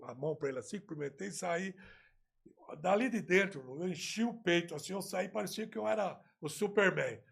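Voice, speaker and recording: A Brazilian man, a football coach, tells a story from his career in an animated, conversational way, slipping into the voices of the people he quotes. His voice is gravelly and raspy with fry. It sits somewhat high for a man. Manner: lively, acts out remembered dialogue.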